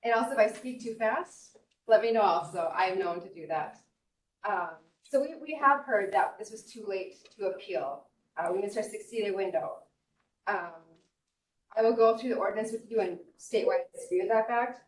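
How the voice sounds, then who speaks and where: A woman's voice: mid-range voice, moderate pace, distant mic. An earnest woman testifies at a public hearing, hesitating often with ums and apologizing as she goes. She sits some way from the mic in a large echoey hall, with a faint hiss behind her. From Minnesota, US. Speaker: appellant speaking at a public hearing.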